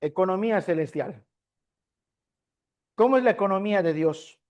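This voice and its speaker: A man's voice: high-pitched, lively intonation, moderate pace, a little mellow. A man preaching a sermon as pastor of a discipleship class, often asking his listeners rhetorical questions and answering them himself. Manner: asks the congregation frequent rhetorical questions.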